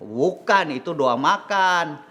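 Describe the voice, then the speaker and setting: A man's voice: on the high side, takes it slowly. A man with an Indonesian accent telling a Bible story to children as a kids church teacher. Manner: lively, patient, explaining.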